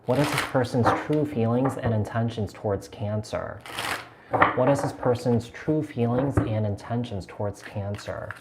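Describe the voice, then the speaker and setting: A man's voice: mid-range voice, moderate pace, heavy background noise. A man from the United States giving a live tarot reading, talking in a chatty, meandering way with lots of fillers and repeated words. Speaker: tarot reader.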